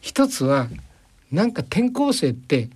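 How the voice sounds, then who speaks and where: Guy on a radio show, slightly high voice that bounces around a lot, telling stories and doing little voices. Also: big pitch swings, slow, darkish tone, slightly rough. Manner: chatty anecdotal storyteller, mimics voices and dialects. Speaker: guest journalist. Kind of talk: radio interview storytelling. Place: radio studio.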